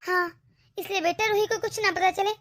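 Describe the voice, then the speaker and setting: A woman's voice: extremely high pitch, fairly even intonation, normal speed, a bit bright. A woman voicing a bossy, scheming older mother-in-law in a cartoon, with a nagging, scolding manner. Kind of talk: cartoon voice acting.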